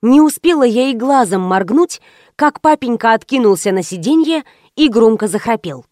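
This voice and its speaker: A woman reading a first-person audiobook with lively, ironic storytelling. Her voice sits fairly high, and the recording is dry and close, with no room echo. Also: moderate pace. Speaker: audiobook narrator.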